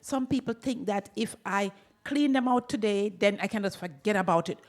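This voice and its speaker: A woman's voice: mid-range voice, normal speed. A woman, a holistic clinic doctor, promoting her clinic on a radio talk show with emphatic repetition. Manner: emphatic, repeats words for effect, laughs often. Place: radio studio.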